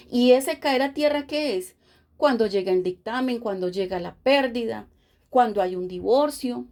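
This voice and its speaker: Woman pastor, higher pitch, impassioned preaching cadence. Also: a little mellow. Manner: impassioned preaching with repeated phrases. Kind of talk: sermon.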